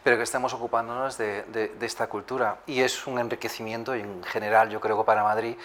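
A man from Galicia, a hotel executive and tourism entrepreneur, answering interview questions in a measured, agreeable way. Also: lowish voice, little pitch movement, a bit bright, slight background noise. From Galicia, Spain. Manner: measured, agreeable, with frequent restarts. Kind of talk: conversational interview.

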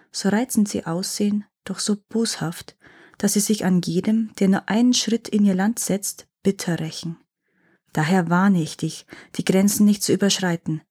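A woman reads a fairy tale in a calm, unhurried storytelling voice. Her tone is mellow and soft, with a slightly husky grain. She gives the characters' lines a light touch of acting. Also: mid-range voice. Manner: calm, gently acted dialogue.

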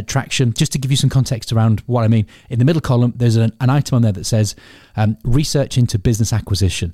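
A podcast host who also runs a business records a solo episode, sniffling with a cold as he candidly thinks aloud about his planning. His mid-range voice is mellow. The studio sound is clean, with no echo.

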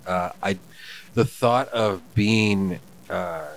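A man's voice: sits low, very slow, rough recording. A man co-hosting a casual conversation, joking around and reading aloud from a book. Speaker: co-host.

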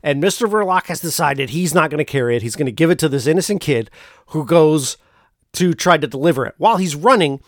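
A man with a slightly high voice talks in a very dry, close recording. He recounts things casually, in a halting, rambling way, like a host walking listeners through a story. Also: lively intonation, no echo. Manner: halting, rambling delivery with pauses mid-phrase. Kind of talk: casual film plot recap.

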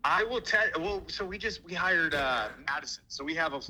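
A man's voice: fairly high pitch, expressive, brisk, pushed and bright, a little hiss or hum, poor audio. A man heard over a phone on speakerphone, chatting casually and agreeably as a podcast guest while out on a walk. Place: outdoors on a walk.

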